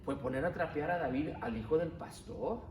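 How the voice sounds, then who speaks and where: A man's voice: fairly high pitch, normal speed, recorded from a distance, pitched below the performer's own voice, lightly acted. A man voicing an annoyed church sister in a class story. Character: annoyed church sister scolding about a boy. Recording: echoey classroom, faint room noise.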